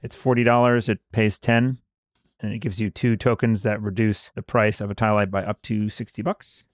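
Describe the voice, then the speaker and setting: A man hosting a casual board game discussion, explaining details at an easy pace and pausing with fillers as he recalls them. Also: on the low side, level tone, no echo, studio quality.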